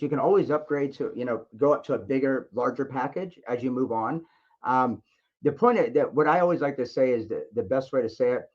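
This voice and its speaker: A man with a mid-range, slightly mellow voice hosts a distributor sales conference call, answering questions encouragingly and often repeating his phrases. It comes through a conference call line, so the audio sounds dull and lo-fi.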